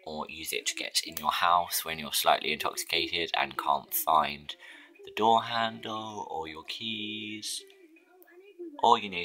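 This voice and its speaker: On a low-quality recording, a beauty vlogger with a very deep, husky, hoarse voice that sounds pushed and bright talks through his get-ready-with-me routine. His chat rambles, and he often falls to a whisper.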